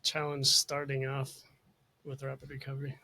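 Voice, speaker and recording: A man's voice: medium pitch, monotone, normal speed, bright, forceful tone. A man co-hosting a podcast, asking easygoing, curious questions. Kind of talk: casual interview questions.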